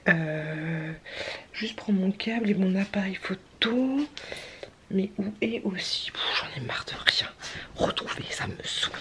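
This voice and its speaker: A woman's voice: fairly low pitch, background noise. Chatty woman vlogging at home. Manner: chatty, grumbling, often drops to a half-whisper. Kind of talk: casual vlog chat to camera.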